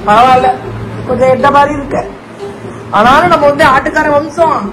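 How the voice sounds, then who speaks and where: A woman's voice: sits high, normal speed, noisy background. A woman vlogger chatting casually with her family, teasing them playfully and laughing often. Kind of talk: casual family vlog chat.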